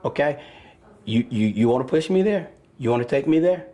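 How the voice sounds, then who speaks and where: A man's voice: mid-range voice, expressive, moderate pace, mellow. A middle-aged American man in unscripted reality TV talk, speaking firmly and insistently as a host parent. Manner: firm, insistent.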